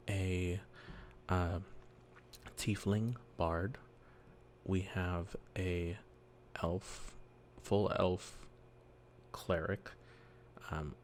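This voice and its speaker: Soft-spoken deep male dungeon master. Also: a little hiss or hum. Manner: soft-spoken, gentle, reassuring; slow, patient explaining with fillers. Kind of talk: whispered role-play. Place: quiet home early morning.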